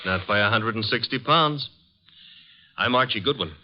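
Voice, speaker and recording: Man as breezy, animated sidekick Archie Goodwin. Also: medium pitch, normal speed, lightly acted. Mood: wisecracking. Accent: American. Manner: breezy, glib. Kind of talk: 1950s American radio drama acting and narration. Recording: muffled vintage radio recording.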